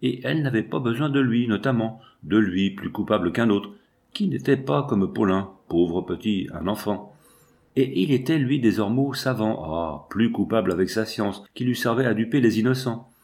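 A man reading a novel aloud in a measured, dramatic narration. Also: fairly low pitch, expressive, darkish tone. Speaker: audiobook narrator. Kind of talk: scripted literary narration.

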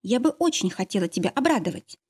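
Woman reading an anxious young woman, hesitant, husky, a bit higher. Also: sing-song, fast talker, darkish tone. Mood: guilty. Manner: hesitant, apologetic. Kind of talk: audiobook character reading.

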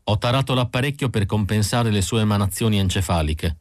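A man's voice: fairly low pitch, brisk, dry recording, studio quality, natural voice. A man voicing a cold, calculating male android leader who speaks in a clipped, matter-of-fact way.

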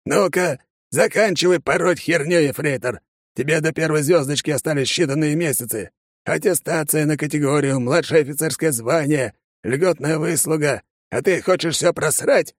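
A man voicing a blunt, commanding older army colonel with a gravelly, barking delivery. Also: mid-range voice, moderate pace, dry recording, studio quality, voice pushed up, natural voice. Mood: gruff.

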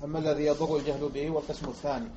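A man from Algeria teaching Arabic morphology as a lecture, repeating example words slowly and quizzing his listeners. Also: a little high, little pitch movement, warm tone, a little hiss or hum. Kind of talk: classroom lecture explaining grammar. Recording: muffled lo-fi recording.

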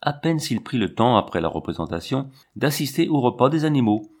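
A man reading a novel aloud as narrator in a measured, steady way. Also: mid-range voice. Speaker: audiobook narrator. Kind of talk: scripted narration.

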